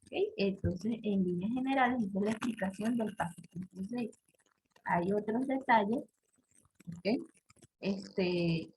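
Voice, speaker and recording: A woman French teacher, giving an online class at a slow, unhurried pace. Her pitch sits in a middle range, and she keeps checking that students follow. A faint hiss of noise sits under her voice. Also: low-quality recording. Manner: slow, explanatory, many "¿ok?" checks and "este" fillers; reads French example sentences slowly with exaggerated pronunciation.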